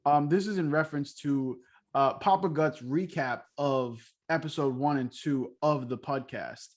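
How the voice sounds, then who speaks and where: Young guy cohosting a podcast, kinda high voice, keeps asking stuff. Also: a little slow. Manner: steering the talk with questions, fillers. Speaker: podcast co-host. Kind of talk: casual podcast chat.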